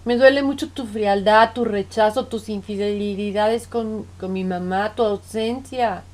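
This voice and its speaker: A woman's voice: medium pitch, steady tone, a little slow, lightly acted. A woman speaking as a middle-aged counseling patient who reproaches her parents, pleading and repeating "mom" between accusations. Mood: bitter.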